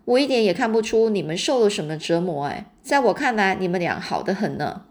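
A woman's voice: mid-range voice, very animated, brisk, a little mellow, close to an everyday voice. A woman reading aloud and voicing a kindly, teasing old grandfather in a storybook.

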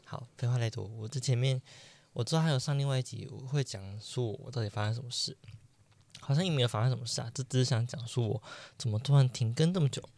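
A man's voice: medium pitch, fast talker, creaky, a little mellow, no room sound. A young man hosting a solo podcast, chatty and self-deprecating, acting out the voices in his own story. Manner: chatty, self-deprecating, acts out quoted dialogue. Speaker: podcast host.

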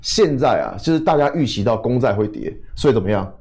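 A man's voice: mid-range voice, lively intonation, quick pace, darkish tone. A man with a Taiwanese accent giving informal market commentary as a guest analyst, often asking questions and answering them himself.

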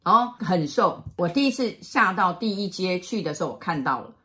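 A middle-aged woman with a Taiwanese Mandarin accent tells a ghost story in casual conversation. Her voice sits a little low, and she is animated, slipping into the voices of the people in her tale and restarting her sentences as she goes. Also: fairly quick. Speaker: storyteller guest.

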